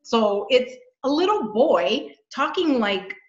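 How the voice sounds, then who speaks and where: With a fairly high pitch, big swings in her pitch and a slow pace, a middle-aged woman co-hosts a spiritual podcast. Her casual chat is earnest and lively, with frequent repeated words. The recording sounds dull and lo-fi in an echoey room.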